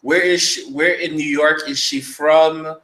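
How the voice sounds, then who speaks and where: A man with a very bright, rather high voice hosts a loose podcast chat and reads viewer comments aloud. He jokes crudely and keeps breaking into laughter. The sound carries a roomy echo. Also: fairly even intonation, a little slow. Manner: crude joking, frequent laughter. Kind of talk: casual chat.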